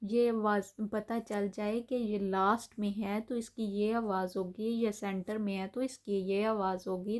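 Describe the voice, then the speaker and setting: A woman's voice: medium pitch, a little mellow. A woman teaching a language lesson, patiently explaining letter sounds, often repeating herself with small fillers and restarts. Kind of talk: explaining German pronunciation lesson.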